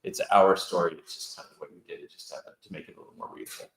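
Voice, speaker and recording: Low-voiced rambling man in echoey room. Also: steady tone, very fast, a bit bright. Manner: rambling, restarts and asides. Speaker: book co-author on a panel. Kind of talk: casual panel talk. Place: indoor event room.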